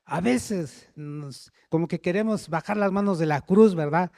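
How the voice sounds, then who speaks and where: Male preacher, sermon style, voice on the high side, dry close sound. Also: a little slow, vocal fry, darkish tone, dry recording. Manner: checks in with the congregation, calls for amens.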